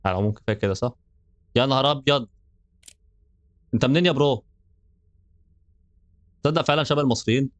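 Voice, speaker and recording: A young man with an Egyptian Arabic accent talks at a very rapid clip while he plays a horror game. He jokes and sounds nervous, with a dry, close sound and no room around him. His pitch sits in the middle range. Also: no echo. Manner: jokey, nervous, laughs often. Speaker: gaming channel host. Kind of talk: let's play commentary.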